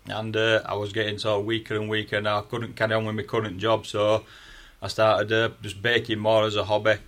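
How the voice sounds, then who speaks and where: A man's voice: on the low side, completely flat delivery, fairly quick, fairly bright tone. A man with a broad Yorkshire accent, a guest telling how he began baking and decorating cakes, in a chatty, rambling way full of restarts. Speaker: cake maker, guest. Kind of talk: casual chat.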